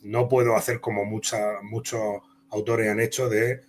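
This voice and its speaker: This man from Spain, with a Castilian Spanish accent, has a lowish voice, a level tone and a moderate pace. A comic book author appearing as an interview guest, he rambles conversationally through anecdotes about his career.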